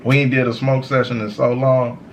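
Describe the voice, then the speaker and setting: A man who sounds high, giving a casual, slangy, meandering stoner monologue of motivational advice as a show host. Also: level tone, normal speed, slight background noise, poor audio. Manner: repeats "you know" tags, informal slangy phrasing. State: high on cannabis. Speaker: host of a smoke session series.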